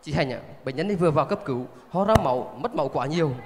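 A man playing a calm, reassuring doctor in an amateur stage drama. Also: fairly high pitch, rapid-fire, background noise. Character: dedicated on-duty male doctor, adult. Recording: reverberant hall.

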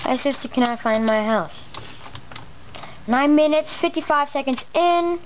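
With a voice that sits high and a normal speed, the host gives sweary, casual let's play commentary full of muttered exclamations, his R sounds slightly off. Recording is muffled and lo-fi, with background noise, from a camera filming a monitor.

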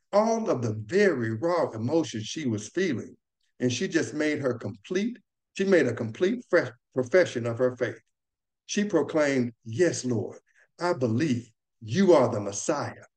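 A man giving a Bible study lesson in an earnest, measured teaching voice. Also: medium pitch, a little mellow.

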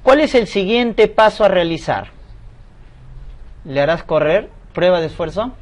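A man leads a lecture through medical exam questions. He asks a question, pauses, then answers it himself in an explanatory teaching manner. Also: sits high, animated.

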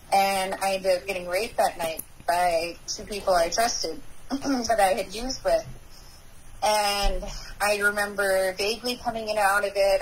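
A woman's voice: mid-range voice, slight background noise, rough recording. A woman in her forties from North Dakota, a guest candidly telling her personal recovery story in a conversational way. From North Dakota, USA.

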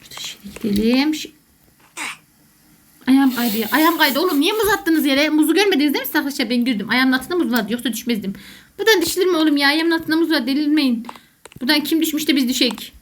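A woman's voice: sits high, expressive, fast, a little hiss or hum. A woman doing jokey, panicky let's play commentary as a gaming YouTuber who calls herself a gamer mom.

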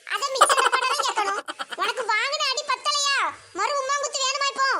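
A fed-up, nagging mother with a Kanniyakumari accent, played by a woman, firing off sarcastic threats in a very high voice. Steady noise sits clearly behind her. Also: a little fast. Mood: scolding. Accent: Kanniyakumari Tamil. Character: exasperated scolding village mother. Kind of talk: comic sketch acting.

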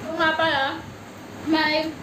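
High-voiced woman chatting with her mouth full. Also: little pitch movement, slow. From Philippines. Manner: chatty, rambling, talks to viewers. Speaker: mukbang vlogger. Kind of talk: casual chat to camera while eating. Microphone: camera's built-in mic, no separate mic. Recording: echoey room with loud background noise.

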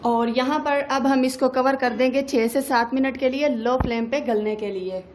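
A woman's voice: high voice, normal speed, echoey room, slight background noise, low-quality recording. A woman, a cooking channel host, talking through a recipe step by step in a voice-over. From Pakistan. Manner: steady step-by-step instructions.

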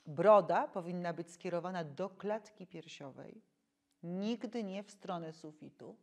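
A woman actress leading diction and voice warm-up exercises, speaking slowly and articulating every syllable with care. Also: fairly low pitch. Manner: slow, clearly articulated instructions, loud drilled syllables.

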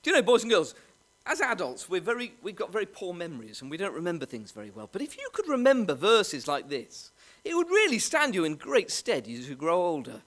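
A male preacher gives an all-age sermon in church, his pitch leaping high and low in wide swoops. He tells the story with lively gestures in his voice and keeps turning to the children with questions. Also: brisk.

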